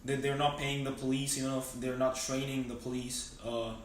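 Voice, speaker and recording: A man's voice: mid-range voice, level tone, moderate pace, slight background noise. A teenage boy from Venezuela answering interview questions in a casual, hesitant way, with many fillers and restarts. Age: teens. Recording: echoey room, mic at a distance.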